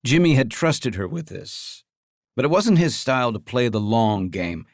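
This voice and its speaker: A man narrating an audiobook in a steady, measured storytelling manner. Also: medium pitch, no room sound, clean studio sound. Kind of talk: scripted narration.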